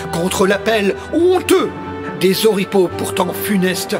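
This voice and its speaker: In an audio comedy drama, a man plays the pompous, impassioned leader of an amateur resistance, declaiming grandly in a rousing, heavily acted way. His voice sits high and sing-song at a slow pace, with music in the background.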